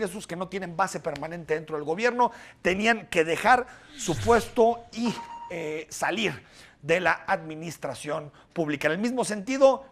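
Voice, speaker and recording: A man delivering scripted news commentary, explaining and listing points briskly. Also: high-pitched, fairly bright tone.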